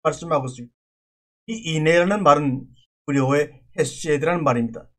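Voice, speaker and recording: A man with a somewhat high-pitched voice delivers a sermon. He speaks as a pastor, working through scripture in an earnest, teaching way and circling back to repeat key words. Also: brisk.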